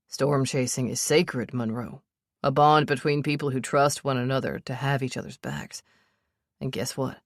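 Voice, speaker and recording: A protective young man in an audiobook romance, low and softly growling, as a woman puts him on. His tone stays hushed and gruff yet tender. The sound is close and dry, with no room around it. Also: normal speed, dry recording. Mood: teasing.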